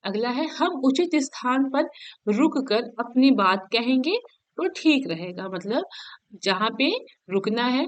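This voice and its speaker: A woman teaching a Hindi grammar lesson for exam prep. She reads each definition slowly, then explains it again in everyday words, often checking "okay?". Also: fairly high pitch, no room sound. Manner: explains each point twice, keeps asking "ठीक है?".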